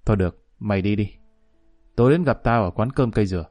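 A man's voice: lowish voice, quick pace, darkish tone, faint music behind, natural voice. A man reading the lines of a harsh gang boss giving curt orders in a storybook narration. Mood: menacing. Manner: gruff, commanding.

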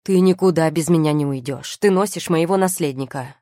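A woman's voice: sits low, a little fast, mellow, no room sound, studio quality, lightly acted. A woman reading an audiobook voices a scheming husband, drawling and ingratiating. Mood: angry. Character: scheming husband, smooth and cold.

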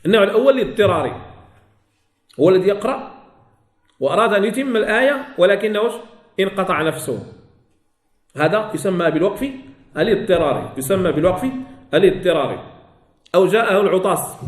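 Male Moroccan Quran teacher, high-pitched, lesson recorded in a reverberant room. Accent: Moroccan Arabic. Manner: repeats key phrases, asks students questions. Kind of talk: religious lesson explanation. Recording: echoey room.

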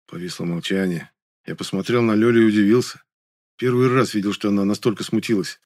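A man's voice: fairly low pitch, steady tone, brisk, darkish tone. Man reading a first-person audiobook. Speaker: audiobook narrator.

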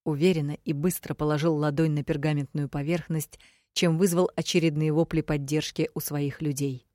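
A woman reading a first-person fantasy audiobook, measured and emotive. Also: low voice, fairly even intonation, mellow, dry recording, studio quality. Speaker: audiobook narrator.

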